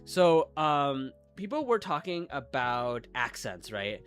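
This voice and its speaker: A young Midwestern American man rambles through a casual live-stream chat, full of filler words like "like" and self-deprecating asides. His mid-range voice is very animated and slow, with a fairly bright tone. Soft music plays in the background.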